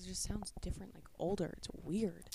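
A late-teen woman from Minnesota co-hosts a relaxed podcast chat. Her voice sits a bit low for a young woman. She talks in a chatty, teasing way and giggles easily. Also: moderate pace, gravelly, background noise. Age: late teens. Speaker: podcast co-host. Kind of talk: casual chat.

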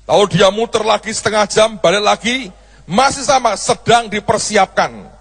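A male pastor delivers a sermon, telling a story and acting out each person's lines with changing voices. His voice is high and a little husky, and it carries a long reverb from a church hall. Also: normal speed, fairly bright tone. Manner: storytelling, acts out dialogue with shifting voices.

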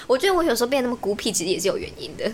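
A young woman rants with quick, bouncy speech, her high voice swooping up and down. She laughs often, and a faint hiss sits under the recording. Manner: animated, ranting, laughs often. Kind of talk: casual chat.

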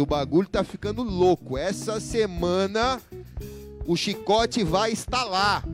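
Male pastor, high voice, joking sermon, chatty with the congregation, guitar music behind. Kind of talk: humorous livestreamed sermon. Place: church. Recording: guitar music playing underneath.

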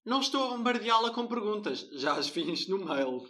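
Bright-voiced, teasing Portuguese man. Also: sits high, very animated, moderate pace. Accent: European Portuguese. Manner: teasing, ironic, playful. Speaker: co-host. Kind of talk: casual chat.

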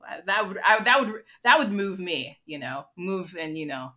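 A woman co-hosting a podcast, chatting casually in an animated, joking way. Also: lowish voice, moderate pace. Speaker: podcast co-host. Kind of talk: casual chat.

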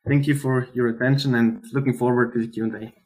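A man presents as a startup founder in a rehearsed investor pitch style, explaining earnestly with some halting pauses. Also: steady tone, darkish tone, rough recording.

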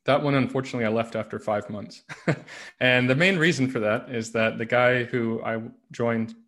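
A man from the United States, a podcast guest, telling his story in a relaxed, rambling way. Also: medium pitch, moderate pace. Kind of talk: casual interview conversation.

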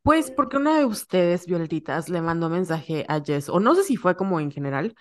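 A woman from Yucatán, Mexico, with a Yucatecan Spanish accent, co-hosts a podcast of casual chat. Her lowish voice is brisk and a little mellow with big swings in pitch, and she comes across as playful, giggly, and self-mocking.

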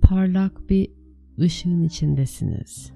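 Female meditation guide: lowish, very mellow voice, soothing and unhurried, gentle instructions with spacious pauses. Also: lively intonation, creaky, soft background music. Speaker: meditation teacher leading a guided meditation.

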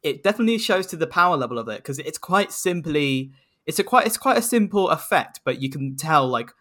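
A man's voice: a little high, very animated, brisk, fairly bright tone. A man hosting a casual card-game podcast, chatty and laughing often. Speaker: podcast host. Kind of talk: casual chat.

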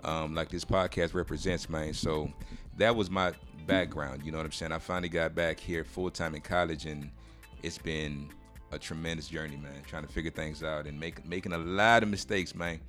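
A man's voice: very deep voice, fairly even intonation, normal speed, a bit bright, faint music behind. A man from Cameroon, a videographer guest on a podcast, talking about his background in a laid-back, reflective way. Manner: laid-back, reflective, frequent "you know what I'm saying". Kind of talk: casual chat.

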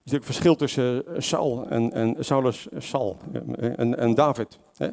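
A man's voice: medium pitch, moderate pace, darkish tone. Man preaching an informal sermon. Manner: conversational, many fillers and self-corrections, asks the congregation questions. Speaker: lay preacher.

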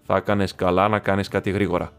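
A man voicing a grim, guarded ranger who speaks low, quiet and measured. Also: little pitch movement, clean tone, soft background music. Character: grim weathered male ranger, guarded and stern.

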